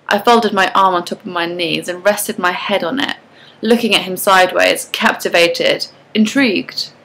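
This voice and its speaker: A woman reading a first-person novel aloud in an expressive, animated storytelling manner. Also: medium pitch, slight background noise, low-quality recording. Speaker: reader of a novel.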